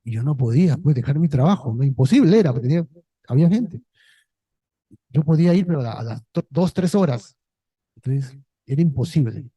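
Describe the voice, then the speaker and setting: Fairly high, warm and breathy, the voice of this Peruvian priest is expressive and brisk, with frequent pauses. He talks casually to a parish group, regularly asking "¿no?" and "¿ya?" to check in. The recording is low quality with no room sound.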